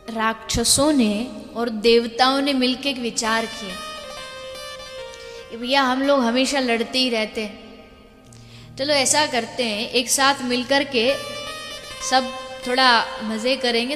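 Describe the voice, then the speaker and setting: Bright-voiced woman preaching slowly in a hall. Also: on the high side. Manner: emphatic, builds to loud repeated refrains. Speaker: spiritual preacher. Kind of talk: devotional sermon with storytelling. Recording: echoey hall with music behind.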